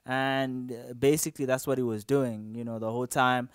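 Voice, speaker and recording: A man's voice: mid-range voice, flat delivery, moderate pace, clear, resonant tone, no echo, studio quality. A young man casually recounting to camera something that happened to him at an interview, rambling along with lots of fillers and restarts.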